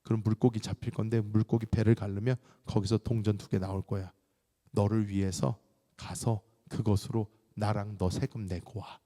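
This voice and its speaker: A man lowering his voice to play a calm, gentle Jesus who speaks softly and without hurry. The voice sits a little lower than a plain speaking voice, with a long reverb from a big hall. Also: moderate pace, close to an everyday voice.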